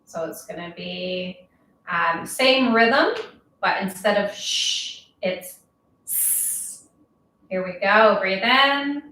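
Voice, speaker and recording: A woman instructor leading a yoga class, talking calmly and slowly with a gently playful touch. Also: mid-range voice. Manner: calm, slow, gently playful. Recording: very echoey room, voice from far off.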